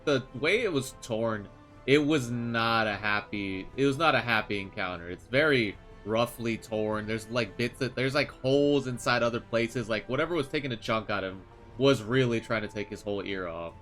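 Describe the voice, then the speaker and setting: A man's voice: medium pitch, moderate pace, fairly bright tone, soft background music. A man narrating a tabletop game as game master, describing scenes in detail.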